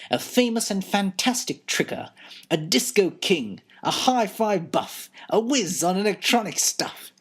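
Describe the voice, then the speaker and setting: A woman voicing a loud, flirtatious upper-class lady in a storybook reading. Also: sits low, slightly rough, full character voice. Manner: loud, shouting.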